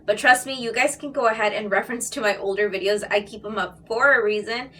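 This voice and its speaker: A woman's voice: mid-range voice, quick pace, bright, forceful tone, recorded from a distance. A woman beauty vlogger chatting casually and directly to her viewers about makeup. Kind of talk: casual makeup vlog talk.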